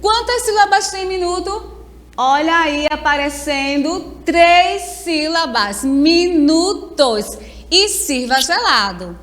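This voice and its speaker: A Brazilian woman teacher giving a remote lesson, explaining words slowly and patiently, sounding them out syllable by syllable. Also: very high voice, pushed and bright, big-room sound. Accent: Brazilian Portuguese.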